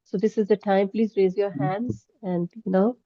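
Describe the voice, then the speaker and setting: Female forum host on a video call, polite, mellow voice, dull dry audio. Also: mid-range voice, steady tone, moderate pace, no echo. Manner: polite and gracious, many thanks and honorifics. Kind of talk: moderating an online session.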